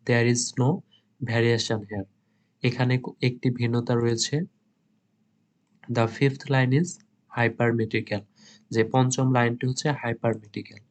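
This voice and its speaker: Male Bangladeshi tutor, exam-prep lesson, level monotone delivery, English read out slowly then translated. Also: medium pitch. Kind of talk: exam-prep lesson, reading notes aloud.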